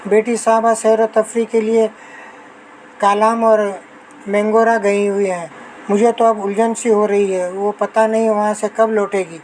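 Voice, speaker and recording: A woman reading an audiobook novel, voicing a talkative, excitable middle-aged wife and mother who chatters without pause. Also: mid-range voice, slight background noise, close to an everyday voice, low-quality recording. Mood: impatient. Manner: gushing nonstop chatter.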